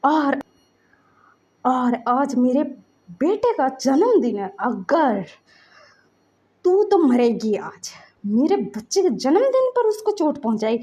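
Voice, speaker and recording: A woman voicing a furious, protective young man who shouts vengeful threats in a fan-story reading. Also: high voice, very animated, slow, long pauses, heavily acted.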